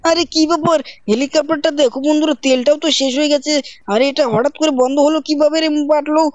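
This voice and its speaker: Gaming host, high voice, quick theatrical scolding, dry dull lo-fi sound. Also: steady tone, no room sound. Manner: loud, theatrical threats and scolding. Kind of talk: gaming role-play narration.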